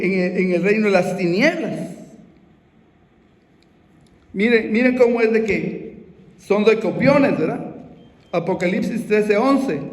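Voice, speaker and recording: A high-voiced man preaches slowly and deliberately, stretching out his phrases. His words ring through a large, echoey hall with a long reverb tail, and he keeps calling out to his brothers as he repeats each point. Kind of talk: sermon.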